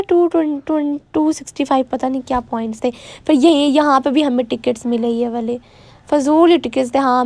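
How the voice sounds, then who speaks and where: A young woman vlogger narrates her vlog in a casual voice-over, chatty and self-mocking, often restarting partway through a sentence. Her voice is high-pitched with a darkish tone.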